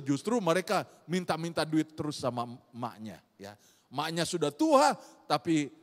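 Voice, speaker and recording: Middle-aged male pastor, high voice, sermon delivery that swings between loud and hushed, church hall with long echo.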